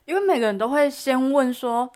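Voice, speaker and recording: A woman's voice: sits high, expressive, brisk, a little mellow. A woman co-host talking in a casual, conversational chat style.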